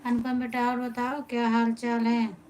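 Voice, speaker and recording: Up woman w/ local doing a live stream, kinda high voice, reads out comments and answers em patiently. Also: monotone, normal speed, a little mellow, slight background noise, rough recording. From Pratapgarh, Uttar Pradesh, India. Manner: greets viewers by name, answers their questions patiently. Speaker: live-stream host and folk singer. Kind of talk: casual live-stream chat, reading viewer comments aloud.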